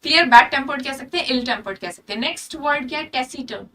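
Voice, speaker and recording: A woman teaching vocabulary for exams, her voice high and bright. She drills every word several times, ties meanings to small made-up stories, and keeps asking whether it is clear. Her voice comes from a bit away from the microphone. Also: expressive, fast talker, far from the mic. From India. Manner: explains through memory tricks and little stories. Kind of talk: online exam-prep lesson.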